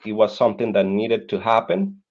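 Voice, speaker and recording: Speaking with a Colombian Spanish accent, a man from Colombia in his thirties sincerely shares his life as a podcast guest, frequently repeating words while reaching for the right ones. His lowish voice is expressive, brisk, and a little mellow, heard through dull lo-fi audio.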